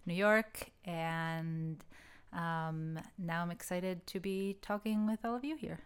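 Very clear, lower-voiced American-raised woman. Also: takes it slowly. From United States. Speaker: podcast guest. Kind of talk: casual conversation.

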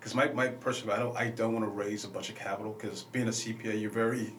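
A man's voice: on the low side, fairly even intonation, fast talker, a bit bright. A man speaking as a startup founder on a casual panel, informal and personal, with stammered restarts. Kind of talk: casual panel interview answers. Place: echoey room, radio show recording. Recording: echoey room with slight noise.

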